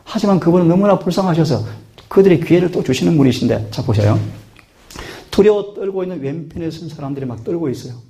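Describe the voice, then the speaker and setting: A man's voice: a little high, expressive, quick pace, dark tone. A man preaching a sermon in an earnest manner, often putting questions to his listeners. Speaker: pastor.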